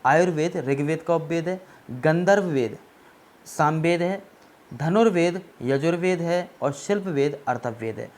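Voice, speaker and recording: His voice is a little high and a little slow, with a darkish quality. Walking through an exam-prep history class one step at a time, he mixes English into his Hindi and often asks "ठीक है ना" to make sure his students are keeping up.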